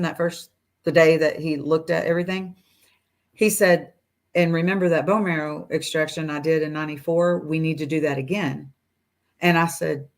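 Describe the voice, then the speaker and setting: A woman in her forties tells her story as a guest over a video call from a room at home. She talks in a casual, animated way, acting out her doctors' lines and laughing between phrases. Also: low voice. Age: 40s.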